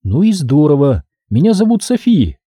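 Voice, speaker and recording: A chipper, chatty female evidence worker, as a male narrator raises his voice for her. She talks briskly and pushes her point with cheerful insistence. The voice sits high above the reader's own, husky and dark in a dry booth. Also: sing-song, no echo. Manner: brisk, talkative, cheerfully pushy. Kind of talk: audiobook character voice.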